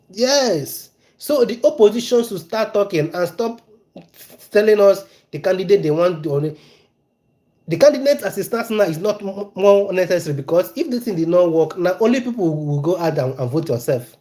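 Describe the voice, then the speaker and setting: A man's voice: high voice, mellow. Emphatic Nigerian man live-streaming. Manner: emphatic and repetitive, hammers key phrases; stops to greet and answer live chat viewers. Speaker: news commentary live streamer. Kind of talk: casual live-stream commentary.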